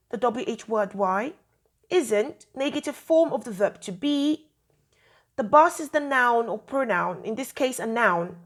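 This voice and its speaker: Woman teacher, fairly high voice, patient and repetitive, recorded grammar lesson. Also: a bit bright. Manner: patient, repeats key points, many fillers.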